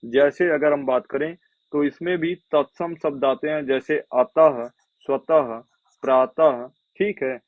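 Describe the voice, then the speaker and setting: A man's voice: a little high, fairly even intonation, measured pace, dry recording. Male coaching teacher, call-and-answer drilling, phone-like dry recording. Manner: drills with repeated questions and answers. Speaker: Hindi teacher. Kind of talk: exam coaching lecture. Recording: tinny phone-like dry sound.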